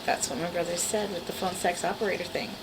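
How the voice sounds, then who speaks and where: Talking fast to her camera at home, a Bronx woman in her forties uses a small, girlish voice that sits on the low side with a steady tone. This vlogger is rambling, wry and self-deprecating in her casual chat. Her camera mic captures background noise.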